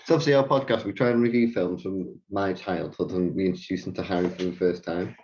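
A father hosts a film podcast in relaxed casual chat, recapping plots at an easy pace. His voice sits very low and warm. The recording sounds a little dull and lo-fi. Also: fast talker, a little hiss or hum. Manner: easygoing, explains and recaps films.

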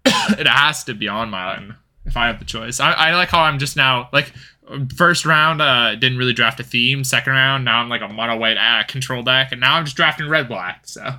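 A man co-hosting a casual podcast chat, quick with asides and often restarting his sentences. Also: medium pitch, bright, forceful tone. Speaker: podcast co-host.

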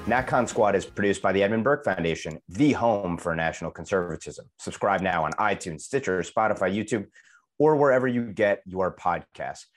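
A man hosting a podcast, giving a brisk, upbeat scripted opening to the episode. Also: low voice, faint music behind. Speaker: podcast host. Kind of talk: show introduction.

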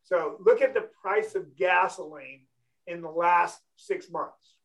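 A man from California hosts a financial talk show in a casual chat style, blunt and emphatic, often checking in with "okay?". His voice sits high and slow, and the recording is rough.

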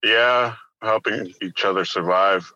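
A man from Arctic Canada, giving plain-spoken, reflective interview answers and pausing between phrases. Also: fairly low pitch, sharp tone, lo-fi sound. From Arctic northern Canada. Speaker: interview guest, business owner.

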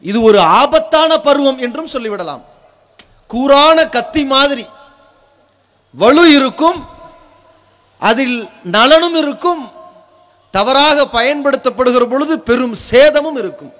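Man preaching like a thundering orator, really high pitched, slow deliberate pace, forceful short phrases. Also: lively intonation. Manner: forceful, declamatory, rhetorical build-up in short phrases.

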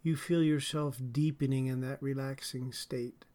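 Man guiding a slow relaxation session. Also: mid-range voice, fairly even intonation, mellow. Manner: soothing, deliberate, measured phrasing. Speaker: podcast host and relaxation guide.

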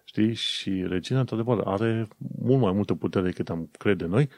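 Young Romanian man, host, deep mellow voice, chatty and rambling, dry close sound. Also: dry recording. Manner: chatty, thinking aloud with many fillers and self-corrections. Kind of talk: casual commentary.

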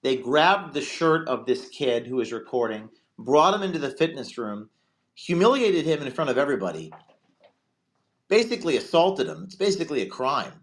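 A man's voice: mid-range voice, sing-song, normal speed. Man, livestream host, casual commentary, mid-range voice, repeats words as he goes. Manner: conversational, repeats and restarts words.

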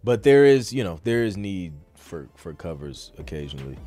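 Warm and low, this male podcast host's voice swings widely in pitch as he talks at a moderate pace over soft music. He reads questions aloud and rambles through his answers in a relaxed live session, peppering his thinking with "you know" and "like."

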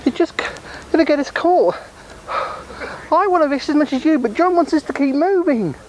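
A frantic, worn-out leader of a group, as a man puts him on, pleading for rest and exasperated with everyone. The voice is pushed far above the performer's own into a squeaky register, recorded outdoors with faint noise behind. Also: expressive, normal speed. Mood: exhausted. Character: exhausted male group leader, frantic and complaining.

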